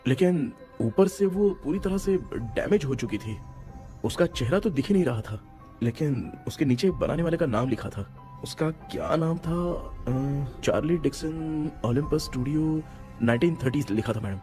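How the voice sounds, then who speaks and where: An anxious young son, played by a man in a Hindi dub, excitable and quick to turn frantic. His voice sits fairly high and swings widely. Soft music plays behind him. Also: natural voice. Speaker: son telling of a ghost.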